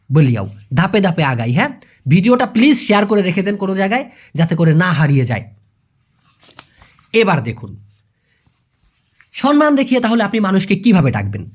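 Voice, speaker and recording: A man from Bangladesh hosting a language lesson, explaining patiently, asking rhetorical questions and repeating key words. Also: high-pitched. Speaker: language teacher, channel host.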